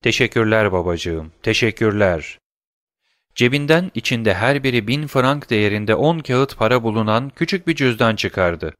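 A man narrating an audiobook in a calm, steady reading manner. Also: medium pitch, normal speed, hardly any pauses, no echo, studio quality.

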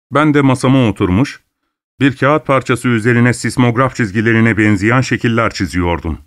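A man reading a story aloud in a calm, measured way with dry humor. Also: medium pitch, no room sound. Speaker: narrator. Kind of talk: scripted story narration.

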